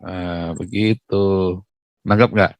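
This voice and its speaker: A man hosting a live call-in show, talking forcefully and animatedly and often cutting across his caller. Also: sits low, fairly even intonation, slow pace, dry recording. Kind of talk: casual live talk.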